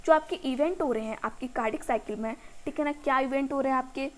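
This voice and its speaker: High-voiced woman teaching biology. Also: a little mellow. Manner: repeats "ठीक है ना" often, asks and answers her own questions; reads English textbook lines slowly, then explains. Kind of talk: classroom lecture explaining in Hindi.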